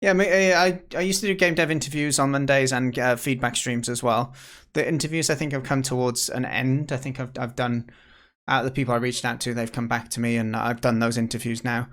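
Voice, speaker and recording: A man's voice: mid-range voice, fairly even intonation, a bit bright. Tired man thinking aloud on a stream. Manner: thinking aloud, halting restarts, chatting with viewers. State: tired, yawning. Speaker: game developer streamer. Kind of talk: casual livestream chat.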